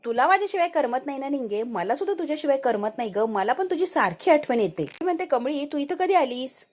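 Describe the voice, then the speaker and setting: A woman's voice: high-pitched, big pitch swings, fairly quick. A woman narrating a TV serial recap, telling the plot as a story and speaking every character's lines herself.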